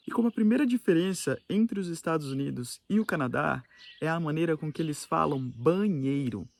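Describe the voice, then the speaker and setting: A young Brazilian man with a Brazilian Portuguese accent, casually explaining word differences in a vlog, mixing in English examples. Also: a little high. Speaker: YouTuber.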